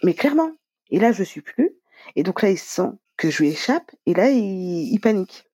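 A woman's voice: medium pitch, sing-song, normal speed, dark tone, breathy edge, dry recording. A woman telling her own story in a conversational interview, quoting dialogue, with many fillers. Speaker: guest. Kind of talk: personal testimony interview.

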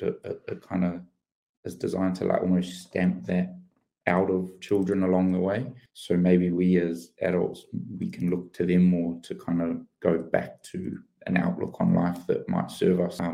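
A former professional rugby player from New Zealand earnestly and openly tells his life story as a guest on a podcast interview, restarting often and using many fillers. His voice is deep, gravelly and dark, and the recording is rough.

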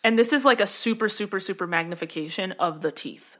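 Her voice is mid-range and fairly bright, and she talks fairly quickly while co-hosting a podcast. She reads a science article aloud in a loose, chatty way, using many fillers and repeatedly breaking into giggles.

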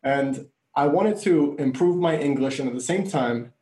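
A man's voice: a little high, normal speed, dark tone. Man born in Bulgaria, Bulgarian first language, earnest interview guest, echoey room. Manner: earnest storytelling. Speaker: guest, coach and speaker. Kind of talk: conversational interview.

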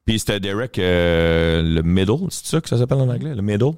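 A man's voice: on the low side, lively intonation, fairly quick, a little mellow, clear, resonant tone, no echo, studio quality. A man with a Quebec French accent, a comedian guest on a casual podcast, telling stories animatedly and swearing casually.

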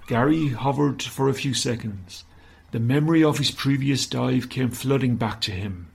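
Husky man reading a children's story. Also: mid-range voice, normal speed, poor audio. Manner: gentle, steady storytelling. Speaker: narrator.

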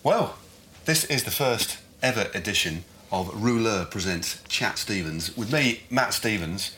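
A man's voice: lowish voice, animated, unhurried, bright, forceful tone, a little hiss or hum. An English man hosting a casual chat show in a jokey, rambling manner. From England. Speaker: host, cycling commentator.

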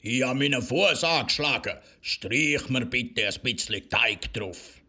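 A man with a Swiss German accent voicing a sly, rough-voiced wolf who talks slowly and growls. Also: mid-range voice, bright, forceful tone, full character voice. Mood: menacing. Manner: slow, growling.

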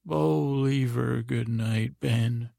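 Guy doing sleep story narration, super gravelly and unhurried, soothing rambly bedtime talk, really dry sound. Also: mid-range voice, dry recording. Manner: calm, gentle, rambling. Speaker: sleep podcast host.

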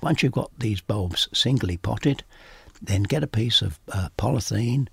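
Husky, gravelly man with a cold. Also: lowish voice, no room sound. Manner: relaxed, chatty, gives practical advice. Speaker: podcast host. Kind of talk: casual gardening chat.

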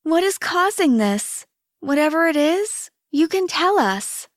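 A woman voicing a gentle, worried mother. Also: extremely high pitch, sing-song, no echo, studio quality, voice pushed up, heavily acted. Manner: soft, slow, concerned.

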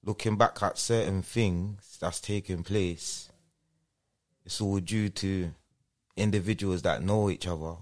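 A man's voice: low-pitched, steady tone, unhurried. A man with a London roadman accent answering interview questions in casual street slang, often checking that he is being followed. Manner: repeats checking tag phrases. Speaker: interview guest.

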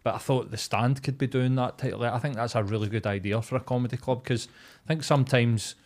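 A man's voice: medium pitch, quick pace, darkish tone. A man chatting casually in an informal, sweary, colloquial way. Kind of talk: casual chat.

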